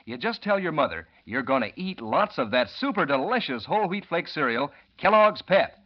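A man's voice: on the high side, sing-song, normal speed. A man announcing an old-time radio advertisement with folksy, enthusiastic salesmanship. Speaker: commercial announcer. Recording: dull vintage radio recording.

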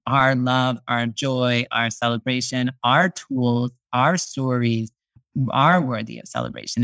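Male guest, mid-pitched and thoughtful, talks slowly with lots of hedging, dry close sound. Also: a bit bright, no echo, poor audio. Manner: thoughtful, unhurried, many hedges. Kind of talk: casual interview talk.

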